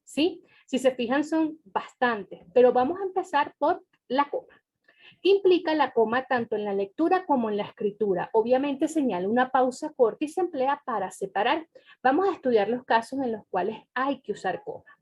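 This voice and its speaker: A woman's voice: a little high, a little mellow, breathy edge. A woman teacher giving a recorded grammar lesson, explaining step by step and checking in with her students.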